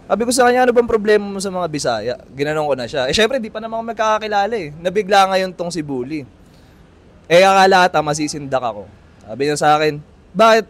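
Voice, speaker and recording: A man with a fairly high voice tells a personal story on a podcast, lively and animated, full of fillers and quick restarts. He sounds like a host chatting casually with friends outdoors on a street.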